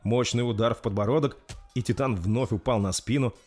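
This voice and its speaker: A man reading a dark fantasy story aloud in a steady, dramatic narration. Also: medium pitch, a little fast, faint music behind. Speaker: audiobook narrator.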